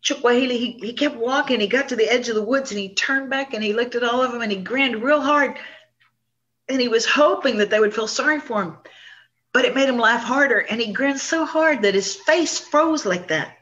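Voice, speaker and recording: Animated woman storyteller, lo-fi recording. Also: fairly high pitch, fairly quick. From Chickasaw Nation. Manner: animated, expressive, conversational. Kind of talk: oral folk tale storytelling. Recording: dull lo-fi recording.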